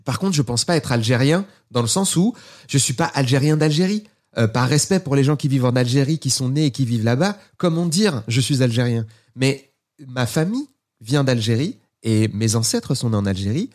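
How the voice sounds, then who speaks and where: A man's voice: mid-range voice, lively intonation, normal speed, darkish tone. A French man in a candid conversation, talking in an earnest way, hesitant at first and growing heated. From France.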